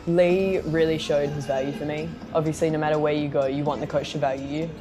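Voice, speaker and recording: A young basketball player with an Australian accent talks casually about herself in an interview; she was born in London and raised in Singapore and Australia. Her low voice is fairly quick with little pitch movement, and music plays behind her.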